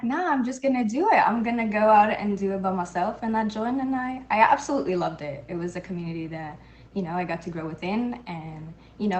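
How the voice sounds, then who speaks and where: With a mid-range voice, a woman from Canada, a native Portuguese speaker, chats easily and modestly as a guest in a casual interview. A little hiss or hum is audible.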